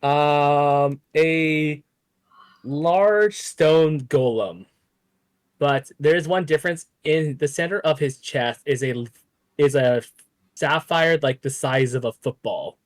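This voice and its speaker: A man narrating a tabletop game as game master, animated and casual, swearing freely. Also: on the high side, slow, no room sound.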